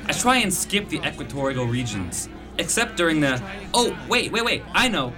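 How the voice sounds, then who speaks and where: A man's voice: on the high side, moderate pace, over music. A man voicing a pushy, rambling male spirit in an afterlife queue in a radio comedy. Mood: eager. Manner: eager, rambling, excitable. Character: chatty pushy male spirit waiting to be reborn.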